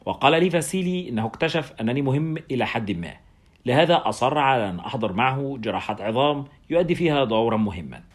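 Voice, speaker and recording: A man narrating a first-person story as an audiobook, in a brisk and wry storytelling manner. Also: mid-range voice, animated.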